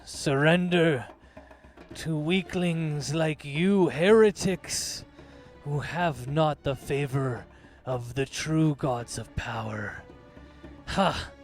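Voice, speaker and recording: A man voicing an arrogant male warlord villain with a booming voice, boasting slowly and grandly in a tabletop game. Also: faint music behind. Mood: scornful. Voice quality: slow, loud, grandiose boasting.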